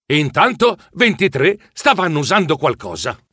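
A male storyteller reads a children's story aloud in the first person with an animated, expressive delivery. His voice sits a little high and moves a lot. The recording is dry and close. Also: moderate pace, dry recording.

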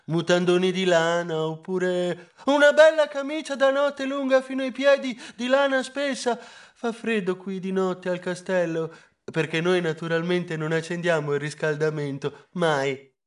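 Man voicing a stingy male mouse, high voice, slow wheedling delivery, storybook. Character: stingy fussy male mouse cousin in a castle.

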